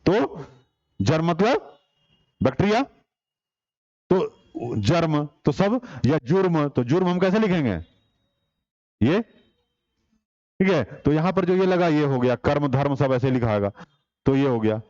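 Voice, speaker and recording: A man's voice: a little high, lively intonation, unhurried, long pauses, a little mellow, no room sound, highs cut off. A man teaching an online exam-prep class, explaining step by step and putting rhetorical questions to the class.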